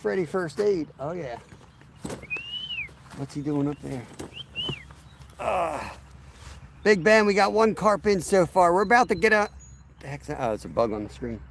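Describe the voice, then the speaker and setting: Beside a river, a man hosts his fishing channel's vlog, chatting easily and speaking straight to viewers in an easygoing way. His voice is on the high side and very animated, a little slow, with vocal fry and long pauses. There's a faint hiss or hum in the recording.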